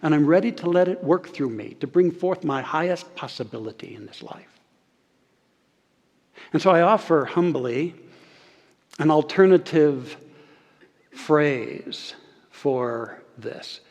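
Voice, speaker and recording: Guy preaching in a big church, slightly high voice, lots of pauses and hushed bits, long echo tail. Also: expressive. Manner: dramatic pauses, swings from loud to hushed. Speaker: pastor. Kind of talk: sermon. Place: large church sanctuary. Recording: long hall reverb.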